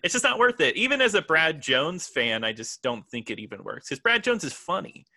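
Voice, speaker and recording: A man co-hosting a casual movie review podcast, stumbling over restarts and reacting with quick laughs. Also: fairly high pitch, big pitch swings, vocal fry, pushed and bright. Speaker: podcast co-host.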